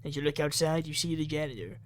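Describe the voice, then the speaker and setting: A fast-talking man with a higher-pitched voice reads a visual novel aloud theatrically, tossing in offhand asides. He's a video game player doing an ASMR-style read-through.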